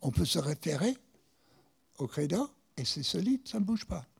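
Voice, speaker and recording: Animated American-accented man preaching. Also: a little high, moderate pace, gravelly, breathy edge. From United States. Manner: animated storytelling with repeated words. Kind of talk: sermon.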